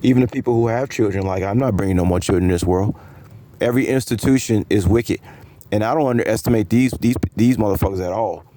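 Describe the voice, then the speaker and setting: Man rambling low and mellow. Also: fast. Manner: rambling and conspiratorial, addresses viewers as y'all, many fillers and restarts. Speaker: vlogger. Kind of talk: casual vlog monologue.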